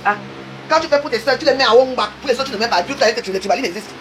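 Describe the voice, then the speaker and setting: Lady in her 50s ranting on a live stream, talks fast, teasing and rambly, noisy audio. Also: on the high side. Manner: chatty, rambling, teasing, addresses viewers directly. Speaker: social media live streamer. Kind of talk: casual live-stream rant.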